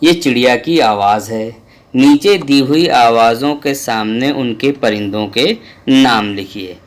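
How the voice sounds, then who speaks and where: A man's voice: medium pitch, a little slow. A man teaching a school Urdu lesson, reciting a children's poem and then explaining the exercises patiently.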